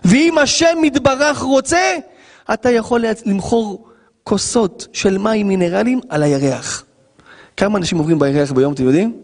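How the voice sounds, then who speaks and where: High, lively rabbi teaching. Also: male voice, in a large hall. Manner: animated, acts out scenes, rhetorical questions. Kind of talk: Torah lesson.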